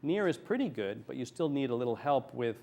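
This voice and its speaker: A man's voice: medium pitch, very animated, a little fast, creaky, darkish tone. A man speaking as a medical expert in a TV interview, explaining things plainly and step by step. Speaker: eye surgeon, interview guest. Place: TV studio.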